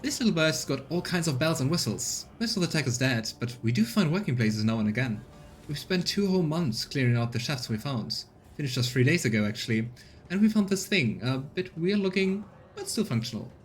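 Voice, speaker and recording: A man's voice: fairly high pitch, sing-song, brisk, soft background music, pitched above the performer's own voice. A man voicing a tired, proud, plain-spoken woman who leads a scavenger camp in a game, folksy and deferential. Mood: folksy, keen. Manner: earnest, folksy, deferential to nobility. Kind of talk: voiced role-play of game dialogue.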